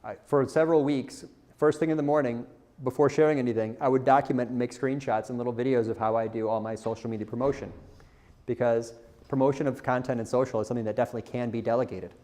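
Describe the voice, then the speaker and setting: This male conference speaker, a content marketer, has a medium-pitched, dark voice that holds steady while moving quickly. His manner is casual and candid, he pokes fun at himself, and he puts questions to the crowd.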